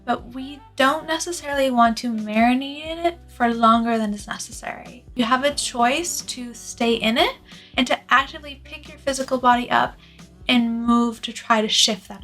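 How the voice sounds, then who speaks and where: A self-improvement YouTuber with a higher, fairly bright voice offers scripted personal development advice to her viewers. She sounds earnest and articulate in a productivity-channel style, stressing key words.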